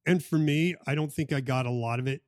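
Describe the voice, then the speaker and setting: A man co-hosts a podcast conversation, driving his points home emphatically and repeating key phrases for stress. His voice is on the high side and fairly quick, captured at studio quality with no room sound.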